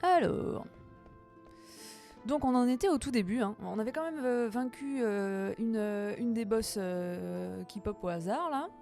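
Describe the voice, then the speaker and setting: A woman chatting casually with her live-stream audience while gaming, playful and quick to laugh, her voice a little tired. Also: on the high side, gravelly, warm tone, faint music behind.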